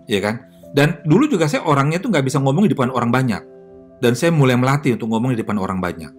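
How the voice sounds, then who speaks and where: A man preaching a sermon as a pastor, chatty and lively, asking the audience questions and correcting himself often. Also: medium pitch. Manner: filler-heavy, self-correcting delivery.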